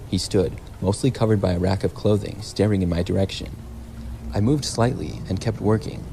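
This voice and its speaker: A man narrating a scripted first-person story in a measured, plain storytelling delivery. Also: lowish voice, vocal fry, noisy background. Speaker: narrator of horror stories.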